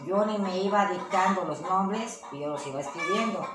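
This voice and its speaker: An older woman with a Mexican accent talks in a rambling, affectionate way, like a grandmother chatting with her viewers. Her voice sits back from the mic in an echoey space. Steady background noise runs under everything she says. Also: on the low side, normal speed, far from the mic. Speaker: vlog host, grandmother. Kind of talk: casual home vlog chat.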